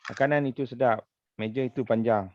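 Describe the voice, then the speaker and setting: A man's voice: mid-range voice, fairly even intonation, fairly quick, dull audio. A man with a Malaysian accent teaching an Arabic grammar lesson as a religious teacher, patiently explaining with repeated examples.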